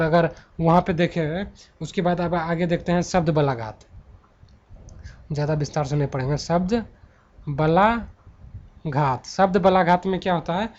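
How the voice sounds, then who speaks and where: Male grammar teacher, high voice, slow drawn-out stress, asks and answers his own questions, dull recording. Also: darkish tone. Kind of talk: classroom-style lesson.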